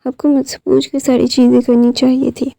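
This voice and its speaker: A woman's voice: sits high, flat delivery, fairly quick, creaky, mellow, no echo. A woman voicing an upset, confused young man who keeps protesting.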